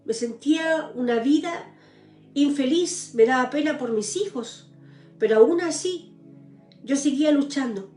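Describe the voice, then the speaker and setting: Woman, high voice, earnest testimony, roomy echo. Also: lively intonation, measured pace, darkish tone, soft background music. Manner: earnest, tearful pleading prayers, addresses listeners as brothers. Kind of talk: live-streamed personal testimony.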